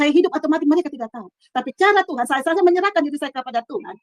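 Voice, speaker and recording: Middle-aged woman telling her testimony, high voice, talks fast, earnest, stops and restarts, dry close sound. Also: no room sound. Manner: earnest, halting with restarts, swings between soft and loud. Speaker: testimony speaker. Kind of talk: emotional personal testimony. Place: her own room.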